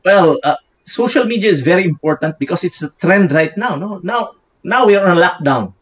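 Animated man in his fifties, high voice. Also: normal speed, slightly rough. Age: 50s. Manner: animated, tag questions with "no?". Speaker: guest speaker. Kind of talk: casual video-call interview. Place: indoor room with bookshelves. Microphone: earphone mic on video call. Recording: dull lo-fi video call audio.

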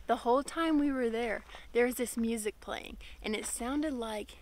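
A woman's voice: a little high, moderate pace, darkish tone, slight background noise. Bubbly young woman on a hiking vlog. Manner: bubbly, laughs often. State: a little winded. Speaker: vlogger. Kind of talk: casual travel vlog chat. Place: outdoors on a hiking trail. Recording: faint outdoor ambience.

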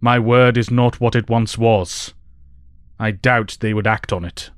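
Man acting measured, dry-miked Professor Xavier. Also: medium pitch, fairly even intonation, clear, resonant tone, no room sound, lightly acted. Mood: grave, measured. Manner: measured, formal. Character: measured, principled male professor leading mutant heroes. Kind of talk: audio drama acting.

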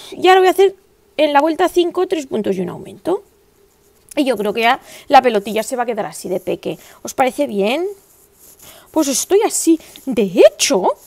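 Woman in her forties, crochet vlogger, gravelly, chatty, rambling. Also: high voice, a little mellow, no room sound. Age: 40s. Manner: chatty, rambling and self-mocking. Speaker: crochet channel host. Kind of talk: casual chat while crocheting.

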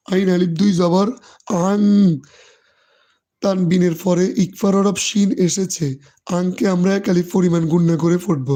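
A hoarse Quran teacher who drills the reading syllable by syllable and explains tajweed rules. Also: mid-range voice, dark tone. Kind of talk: slow Quran reading lesson, spelling out letters and vowels.

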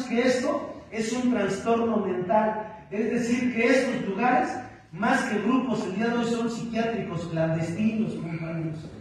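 A Mexican man speaking as a sponsor at a recovery group, giving a blunt, profane, slangy talk that keeps calling out to his companions. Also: high voice. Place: meeting room of a recovery group. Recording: echoey distant room mic with faint noise.

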